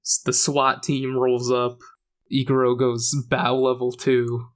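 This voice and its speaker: Man, podcast host, mid pitch, rambling recap, lots of uh and so. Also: monotone, slow. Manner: rambling plot recap with many fillers. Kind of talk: casual chat.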